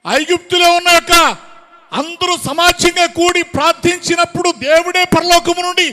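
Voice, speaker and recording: High-voiced man preaching in a reverberant hall. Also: level tone, moderate pace. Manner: impassioned preaching, rhetorical questions, bursts of shouting; addresses the congregation directly. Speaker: pastor. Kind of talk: sermon. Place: church hall with congregation.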